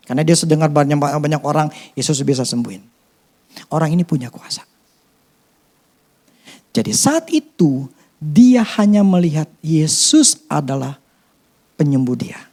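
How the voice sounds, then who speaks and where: A pastor with a fairly high voice preaches a sermon in a conversational, lively way. He swings between loud bursts and hushed asides.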